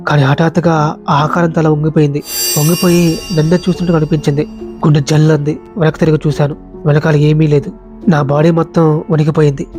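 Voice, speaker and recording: A man narrates a horror tale in a tense, dramatic voice-over, racing through the lines. His voice is dark and mellow and sits a little high, with a flat, even pitch. Faint music plays under him. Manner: tense, dramatic first-person telling. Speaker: storyteller.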